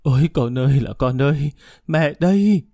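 A woman's voice: low voice, expressive, moderate pace, dark tone, no echo, studio quality, pitched above the performer's own voice. A male narrator voicing an older mother who wails and laments over her son in court. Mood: wailing grief. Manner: wailing, lamenting.

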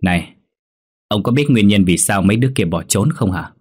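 A man voicing a stern, quick-tempered wealthy old landlord who scolds and makes demands. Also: on the low side, animated, a little mellow, breathy edge. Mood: demanding.

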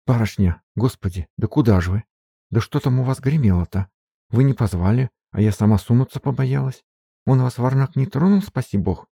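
A tearful peasant maid in her middle years, wailing in folksy, rustic speech with a high-pitched voice put on by a man with a husky, gravelly voice. Her lines come out loud and close in a dry storybook reading. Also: normal speed, dry recording.

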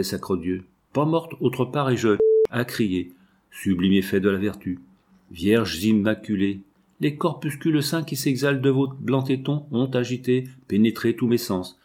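A man reading an eighteenth-century libertine novel aloud, with expressive swings between exclamations and hushed asides. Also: mid-range voice. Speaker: audiobook reader. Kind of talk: dramatic literary reading.

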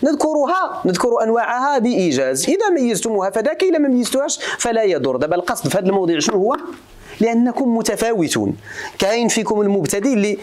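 A Moroccan man teaching grammar at a brisk clip. His voice swings widely up and down as he fires questions at the class and switches between formal exposition and casual asides. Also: high voice, big pitch swings, darkish tone. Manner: quizzes students, mixing formal Arabic with colloquial asides. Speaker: religious teacher. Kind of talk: grammar lesson to students.

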